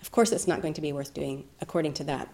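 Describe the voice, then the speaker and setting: A woman giving a reflective meditation talk, soft-spoken and thoughtful with gentle laughter. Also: deep voice, quick pace, creaky. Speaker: meditation teacher.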